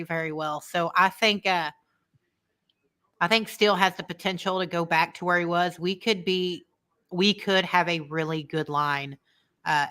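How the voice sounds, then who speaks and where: A woman's voice: lowish voice, sharp tone. An American woman talking casually as co-host of a live football fan show. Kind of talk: casual live sports chat.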